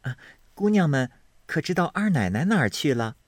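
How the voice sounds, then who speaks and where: Guy putting on a high, nervy young maid from an old storybook, lively voice, dry sound. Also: moderate pace, no room sound. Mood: eager. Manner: eager, deferential, anxious. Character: quick clever young maidservant.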